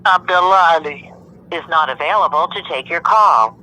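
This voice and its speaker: A recorded automated phone greeting, read as a formal, measured announcement for a phone menu and voicemail. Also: mid-range voice, bright, forceful tone, low-quality recording.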